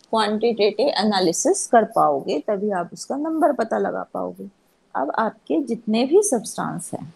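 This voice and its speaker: Raspy-voiced woman lecturing on chemistry. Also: medium pitch, a little mellow, poor audio. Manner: asks rhetorical questions and answers them herself. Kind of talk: classroom lecture.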